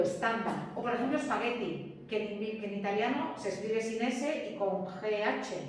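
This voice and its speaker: A woman's voice: medium pitch, a little hiss or hum. Woman teaching in an echoey classroom. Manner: chatty, peppered with checks for understanding. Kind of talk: classroom lecture. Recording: distant mic in an echoey classroom.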